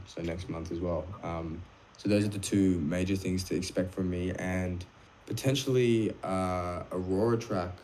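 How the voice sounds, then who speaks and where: A man's voice: low voice, a little mellow, a little hiss or hum. A young man with an Australian accent, talking as a music producer guest in a casual chat, rambling with frequent ums and restarts. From Wales. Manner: rambling, restarts a lot, says um often.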